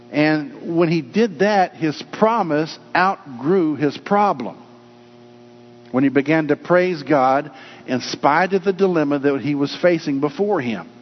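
Man preaching in an echoey hall. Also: fairly high pitch. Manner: preaching, voices people's doubts in character. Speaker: pastor. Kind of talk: sermon. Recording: echoey hall, dull lo-fi sound with mains hum.

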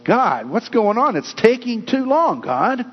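A man's voice: very high voice, big pitch swings, measured pace, husky. A man preaching a sermon, reading scripture and acting out people's doubts as he goes. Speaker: pastor. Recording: echoey hall, dull lo-fi sound with mains hum.

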